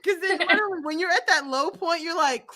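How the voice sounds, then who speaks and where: High bright-voiced woman podcast host. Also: fairly quick. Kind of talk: casual podcast chat.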